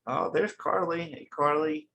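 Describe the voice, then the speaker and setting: A man's voice: fairly high pitch, a little slow, creaky, sharp tone. An enthusiastic man with a West Virginia Appalachian accent, hosting a webinar in a casual, chatty, folksy way. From West Virginia, USA. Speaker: webinar host.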